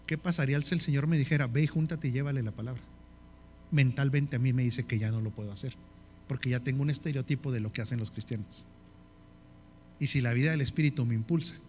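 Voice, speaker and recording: A man's voice: mid-range voice, a little mellow, slight background noise. A man with a northern Mexican accent teaching a leadership course in sermon style, often checking with the audience and listing in repeated phrases. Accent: northern Mexican Spanish.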